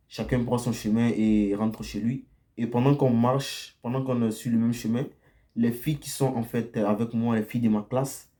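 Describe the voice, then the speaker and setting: A man's voice: mid-range voice, mellow. A young man giving blunt dating advice in a casual monologue, often tagging his sentences with a questioning "ok?" and repeating himself. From Côte d'Ivoire. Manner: frequent tag "ok?" and repetitions, direct and blunt.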